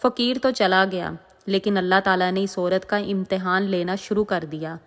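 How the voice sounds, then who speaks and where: A woman tells a moral religious story in a dramatic, emotive way. Her voice sits at a middle pitch. A long, echoing reverb trails every phrase. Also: fairly even intonation.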